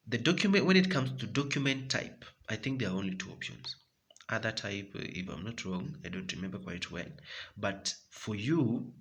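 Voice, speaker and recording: A man's voice: low voice, creaky, sharp tone. A man with a Kenyan accent, walking viewers through a form step by step, repeating key points. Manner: repetitive, instructive, addresses viewers as guys. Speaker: tutorial presenter.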